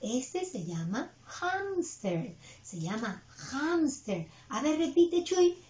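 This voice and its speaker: A woman's voice: high-pitched, big pitch swings, slow, darkish tone, lo-fi sound. A woman teaching English to preschool children online, speaking patiently and coaxing them along. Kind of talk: online class for small children.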